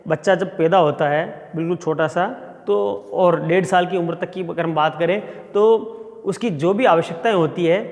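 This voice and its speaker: A man's voice: a little high, moderate pace, a little mellow. A middle-aged male sociology professor giving a classroom lecture and explaining step by step with everyday examples. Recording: long reverb.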